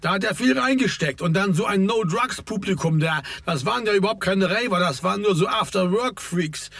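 A man's voice: sits high, lively intonation, a little fast, creaky, fairly bright tone, no room sound, pitched above the performer's own voice, heavily acted. A man voicing a tired, teasing male club organizer who mocks his friend. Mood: mocking. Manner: mocking, calls across the room.

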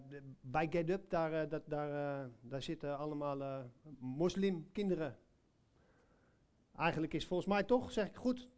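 A man with a fairly high voice preaches a sermon, recounting a personal story conversationally. He hesitates often and puts questions directly to his listeners.

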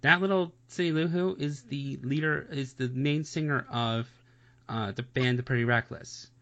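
A man's voice: medium pitch, fairly even intonation, moderate pace, a bit bright. A man in a casual reaction chat, talking bluntly and swearing, often repeating "seriously" and "honestly.". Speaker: music reaction co-host. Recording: dull lo-fi sound.

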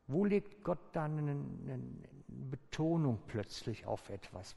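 A man preaching a sermon as pastor, calm and inviting, slowing down with deliberate pauses. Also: medium pitch. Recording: long church-hall reverb.

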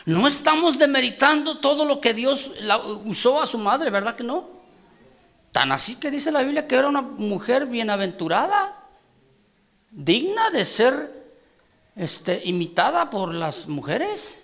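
A man's voice: very high-pitched, big pitch swings, unhurried, gravelly, fairly bright tone. A man preaching a sermon, emphatic, calling out questions to the congregation. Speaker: guest preacher.

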